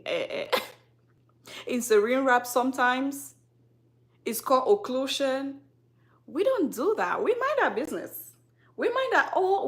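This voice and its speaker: A woman from Cameroon with a Cameroonian accent, talking casually to camera as a skincare vlogger, sassy and teasing, firing off rhetorical questions and laughing often, recorded on a phone on a tripod. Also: fairly high pitch. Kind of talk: casual direct-to-camera talk.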